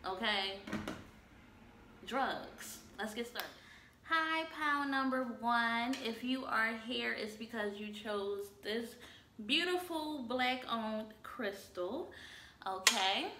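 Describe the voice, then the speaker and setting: A woman's voice: on the high side, slow pace, sharp tone, slight background noise. A woman giving a casual, chatty tarot reading to viewers, tired from being up late. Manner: chatty, slangy, addresses viewers as y'all. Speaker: tarot reader. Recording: echoey room, faint ambience.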